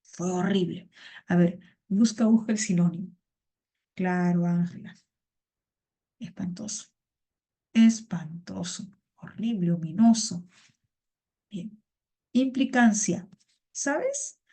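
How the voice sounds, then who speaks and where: A woman's voice: medium pitch, animated, takes it slowly, pauses often, warm tone. A woman teaching a vocabulary class over a video call, patient and repeating words. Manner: patient, repeats words and greets students by name.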